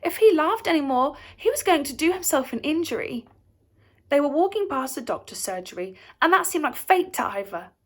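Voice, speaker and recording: A woman narrating a children's tale with playful expression. Her voice sits high. Her pitch is very animated, rising and falling through each sentence. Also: fairly quick. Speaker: storyteller.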